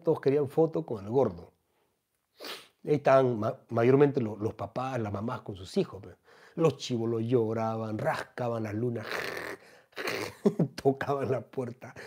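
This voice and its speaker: Gravelly Peruvian man telling a comic story. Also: mid-range voice. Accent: Peruvian Spanish. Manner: slangy, animated, acts out the voices. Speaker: comedian.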